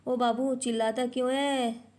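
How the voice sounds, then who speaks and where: A woman doing a gruff, mocking Pathan traveller. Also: high voice, little pitch movement, a little slow, darkish tone. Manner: broken, blunt speech.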